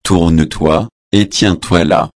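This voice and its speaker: A man's voice: low voice, fairly even intonation, takes it slowly, dry recording, clean studio sound, heavily acted. A man reading as an old grieving king. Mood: plain. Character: grieving old king, a father mourning his son.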